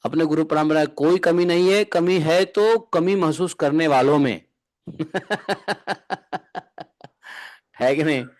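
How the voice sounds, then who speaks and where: A man's voice: fairly high pitch, takes it slowly, long pauses. A man giving a devotional discourse as a spiritual teacher, bantering and often asking his listeners rhetorical questions.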